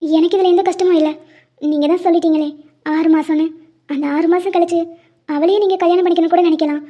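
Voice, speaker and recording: A woman voicing a young wife in an animated drama, hurt and pleading with quiet bitterness. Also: extremely high pitch, quick pace. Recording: dull lo-fi sound.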